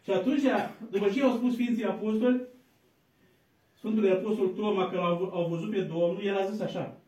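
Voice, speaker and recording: A man, an Orthodox priest, preaching a sermon, moving from quiet asides to loud, emphatic exhortation and intoning scripture slowly, as if chanting. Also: high-pitched, steady tone. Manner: slow, chant-like reading of scripture quotes. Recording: echoey room, distant mic.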